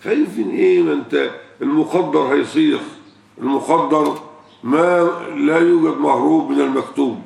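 A man's voice: on the high side, moderate pace, gravelly, darkish tone. An older man with an Egyptian Arabic accent, a sheikh answering questions in a religious sermon, who asks rhetorical questions and repeats key words for emphasis. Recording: echoey room, far from the mic.

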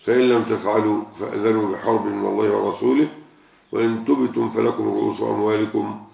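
An older Egyptian sheikh with a heavily gravelly, fry-laden voice delivers a religious question-and-answer sermon. He drives his points home with rhetorical questions and repeated words. He sits well back from the mic in a roomy, echoing space. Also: on the low side, little pitch movement, quick pace, darkish tone. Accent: Egyptian Arabic. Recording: echoey room, far from the mic.

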